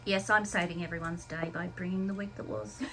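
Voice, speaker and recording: An Australian woman behind the camera, chiming in with playful, quick banter. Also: lowish voice, steady tone, vocal fry, fairly bright tone, faint music behind. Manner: playful, quick interjections and laughs. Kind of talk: casual banter.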